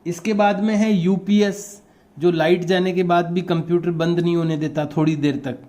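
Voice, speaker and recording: Speaking at normal speed in a high, steady, warm voice, this teacher walks young pupils through a lesson. He has a Rajasthani Hindi accent, explains patiently, repeats terms, and spells words letter by letter.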